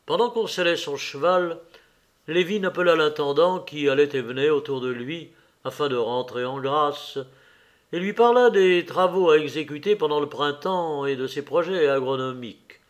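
A man giving a measured, scripted narration of a literary novel for an audiobook. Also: on the high side. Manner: measured, even literary reading. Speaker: audiobook reader.

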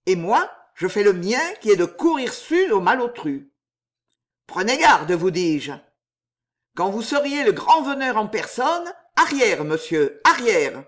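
A woman's voice: mid-range voice, big pitch swings, measured pace. A woman reading aloud voices a bold young male cavalier with a vibrant, defiant delivery.

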